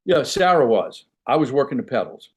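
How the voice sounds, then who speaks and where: A man's voice: mid-range voice, sing-song, fairly quick, husky. Easygoing older man telling a story. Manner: easygoing, rambling, many "you know" fillers. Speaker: actor guest. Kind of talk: casual interview chat.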